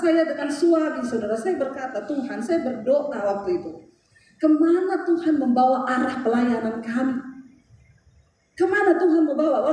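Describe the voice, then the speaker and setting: A woman's voice: sits high, dark tone, distant mic. A woman preacher giving a fervent sermon, laughing between phrases and drawing out her words, with an Indonesian accent. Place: large echoing church hall. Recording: very echoey hall with faint noise.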